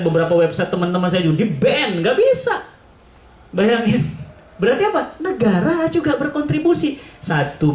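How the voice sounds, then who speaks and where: Animated Jakarta-accented male preacher. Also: a little hiss or hum. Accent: Jakarta Indonesian. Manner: rhetorical questions, mimics people, jumps to high exclamations. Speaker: Islamic preacher. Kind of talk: lively sermon to a live congregation. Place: auditorium in a government building. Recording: echoey hall.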